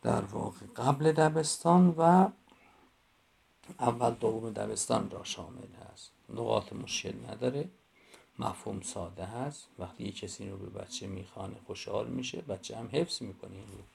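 A man giving a lecture, stressing and repeating the key points and reading children's poems aloud slowly. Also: on the low side, vocal fry, darkish tone. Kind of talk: university lecture.

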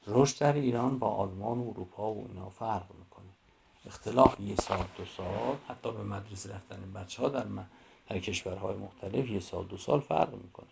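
A man giving a lecture, stressing and repeating the key points and reading children's poems aloud slowly. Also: lowish voice, creaky, background noise. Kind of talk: university lecture.

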